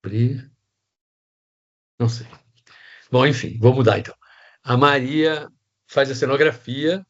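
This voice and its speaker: A man's voice: medium pitch, muffled recording. A man with a Brazilian Portuguese accent teaching set design in a casual online class, rambling with restarts and many tag questions.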